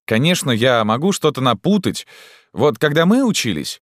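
A man voicing a gentle, thoughtful boy who speaks earnestly in a storybook. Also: medium pitch, very animated, moderate pace, no room sound, studio quality, voice pushed up, natural voice. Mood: flustered. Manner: earnest, flustered.

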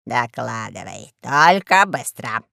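A woman voicing a lazy, fat, menacing male crime boss in a storybook, drawling slowly and low. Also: very animated, gravelly, sharp tone, no echo, studio quality, exaggerated voice.

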